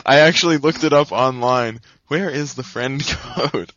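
A man's voice: mid-range voice, a bit bright. A man co-hosting a podcast in casual chat, laughing often as he talks. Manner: laughs often, drawn-out delivery. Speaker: podcast co-host. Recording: dull lo-fi podcast audio.

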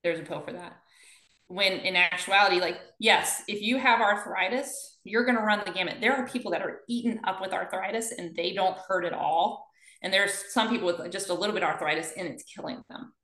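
A woman's voice: medium pitch, a little fast, bright, forceful tone. A woman physical therapist being interviewed, telling stories with energy and acting out the quoted dialogue. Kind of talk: conversational interview. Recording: echoey room.

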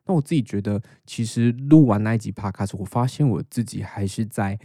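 A young man speaks with a Taiwanese Mandarin accent in a low, gravelly voice. His tone is mellow and a bit dark. He explains things patiently in a relaxed podcast monologue, recorded close up in a dry room. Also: brisk, dry recording. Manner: explains patiently, then reads English lines aloud as a shadowing drill. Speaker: podcast host.

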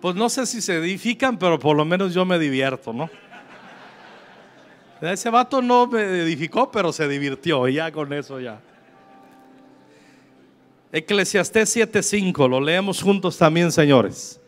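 A Mexican man in his fifties preaches at a church service with a rather high voice. He keeps it slangy and joking, then reads scripture aloud to the congregation. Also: animated, measured pace, pauses often. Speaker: pastor.

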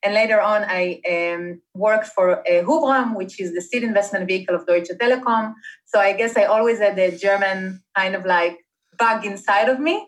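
A woman's voice: mid-range voice, moderate pace. Woman chatting with many fillers. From Israel. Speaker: guest, startup investment partnerships manager. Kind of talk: conversational interview.

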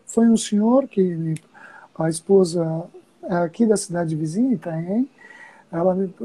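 A Brazilian woman speaks as a Buddhist teacher in relaxed conversation. Her voice is very dark and mellow, with a husky edge. She tells stories in an unhurried way, chuckling as she goes. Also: mid-range voice, poor audio. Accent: Brazilian Portuguese. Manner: storytelling, chuckles often, drawn-out pauses. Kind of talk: casual conversation.

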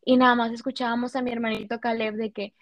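A woman's voice: a little high, little pitch movement, fast, dry recording. A young woman tells a heartfelt, emotional personal story in casual conversation, full of fillers. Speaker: guest sharing a testimony.

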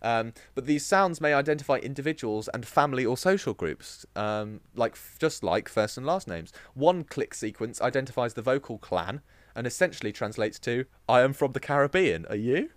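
A man's voice: medium pitch, animated, normal speed, few pauses, no room sound. A man hosting a casual podcast, chatty and jokey, often laughing and restarting his sentences. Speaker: podcast host.

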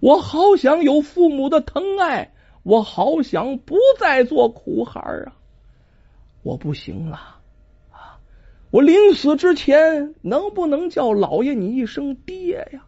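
A storyteller voicing a dying orphaned beggar boy who pleads slowly and tearfully in a faint, breathless voice, on a dull lo-fi recording. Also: high voice, very animated, dark tone, voice pushed up, exaggerated voice. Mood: weak pleading.

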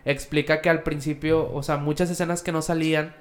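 A man's voice: fairly high pitch, level tone, brisk. A man with a Mexican Spanish accent, co-hosting a podcast in slangy, rambling casual chat. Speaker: podcast co-host.

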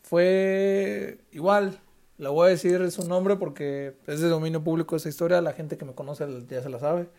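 A young man with a Mexican Spanish accent tells stories on his podcast. He talks loosely and full of slang, and he keeps slipping into the voices of the people he quotes. His voice sits a little high. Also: fairly even intonation, normal speed, a little mellow. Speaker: podcast host. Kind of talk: casual storytelling.

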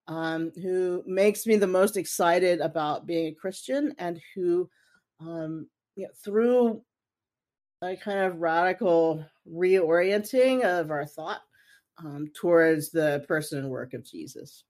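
Slow, thoughtful, low-voiced woman theologian. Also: darkish tone. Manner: thoughtful, hesitant with many fillers. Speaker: priest and theologian, interview guest. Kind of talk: interview answers.

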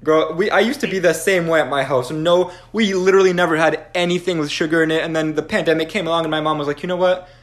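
A young man co-hosting a podcast, chatting casually with a relaxed, wry manner. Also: on the high side, fast talker, hardly any pauses. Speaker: podcast co-host. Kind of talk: casual chat.

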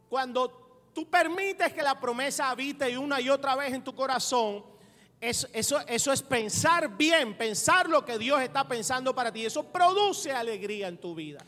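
A man preaching a sermon as pastor, laughing along with his listeners, calling for amens and rising to loud emphasis. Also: very high voice. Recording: roomy long reverb with faint music.

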